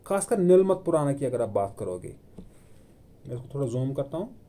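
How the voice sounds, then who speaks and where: Male tutor, mid pitch, dark relaxed tone, self-quizzing lecture delivery. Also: normal speed, slight background noise. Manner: asks and answers his own questions, repeats key terms; Hindi with English terms mixed in. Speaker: exam coaching teacher. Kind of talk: classroom lecture. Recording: online video lecture.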